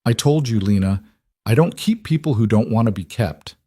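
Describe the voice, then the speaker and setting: A man voicing a powerful crime boss who speaks calmly, gentle but firm. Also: medium pitch, normal speed, husky, no room sound, studio quality.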